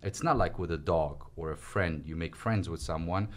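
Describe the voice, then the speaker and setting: A young man with a low voice talks through his story in a relaxed, chatty way. He gestures freely as he speaks in a small indoor podcast studio. His voice is picked up close by a studio microphone on a stand. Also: normal speed. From Switzerland. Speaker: guest. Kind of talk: casual interview conversation. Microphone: studio mic on stand.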